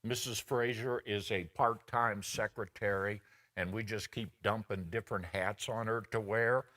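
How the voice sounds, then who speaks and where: Slow, bright-voiced middle-aged male pastor. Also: fairly low pitch, fairly even intonation. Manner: personal, storytelling, acts out quoted voices. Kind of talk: sermon. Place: church sanctuary.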